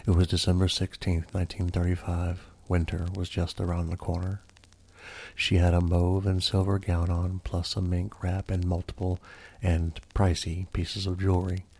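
A man hosts a true crime podcast as an ASMR narrator. His voice is very low and gravelly, with a dark, mellow tone. He phrases things like a formal, theatrical storyteller. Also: monotone, moderate pace. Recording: faint music behind the voice. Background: faint music.

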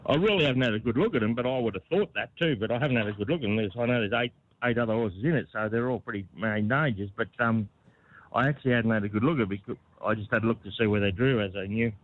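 A man's voice: fairly low pitch, rapid-fire. A man with an Australian accent chatting casually in an interview as a horse trainer, rambling and laconic, often repeating himself. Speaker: harness racing horse trainer being interviewed. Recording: tinny phone line with clear noise.

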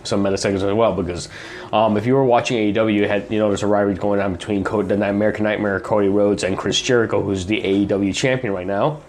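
A man's voice: fairly low pitch, steady tone, fast talker, darkish tone, slight background noise. A young man hosting a casual pop culture podcast, rambling with lots of fillers. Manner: rambling, filler-heavy, eating while talking. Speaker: podcast host.

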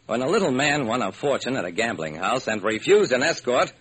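Very animated and fairly quick, this American man's mid-range voice has a fairly bright tone with a breathy edge. As narrator and solo performer of a detective radio series, he delivers theatrical, hard-boiled first-person narration in old-time radio fashion, and the old recording is noisy.

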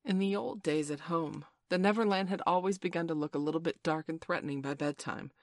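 A woman's voice: low-pitched, a little fast, dry recording. Woman reading a storybook, dry sound. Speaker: audiobook narrator. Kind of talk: storybook narration.

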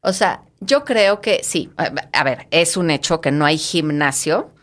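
Speaking in a low-sitting voice with lively intonation and a measured pace, a middle-aged woman with a Mexican accent talks as a guest in a relaxed interview. She founded a fitness studio and talks eagerly, often repeating herself or restarting.

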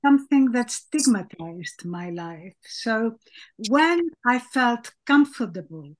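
A woman's voice: on the high side, sing-song. A woman, a diplomatic historian speaking earnestly in an interview about her formative experiences. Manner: slow, measured and earnest. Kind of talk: personal interview answer.

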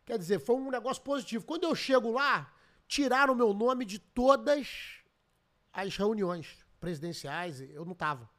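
A Brazilian man with a Brazilian Portuguese accent, a podcast guest telling animated stories, swearing and laughing freely. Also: sits high, moderate pace. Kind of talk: casual storytelling chat.

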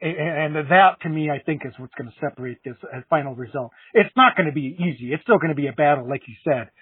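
An earnest man on a podcast who keeps stumbling over his words and restarting as he talks. His voice is a bit high and husky. He sounds off-mic, through a tinny phone line. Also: dry recording, far from the mic. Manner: earnest, emotional, halting with many restarts. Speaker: podcast co-host. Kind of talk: sports podcast chat.

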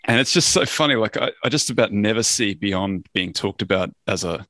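A man's voice: fairly low pitch, expressive, fairly quick, pushed and bright, no echo. A man co-hosting a finance podcast, talking bluntly and rambling with restarts. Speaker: podcast co-host. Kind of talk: casual finance podcast chat.

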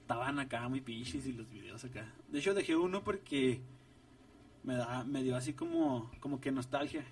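A man's voice: mid-range voice, normal speed. A young man from Ciudad Juárez, a ska musician telling a story in casual, slangy chat and acting out the voices of the people in it. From Ciudad Juárez, Mexico. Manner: slangy, animated retelling with voiced quotes. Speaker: ska band musician, guest. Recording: distant mic with faint noise.

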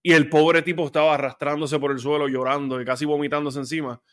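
A man's voice: fairly high pitch, level tone, fast talker. A man hosting a sports podcast, talking casually and breaking into heated rants with plenty of fillers. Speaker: podcast host.

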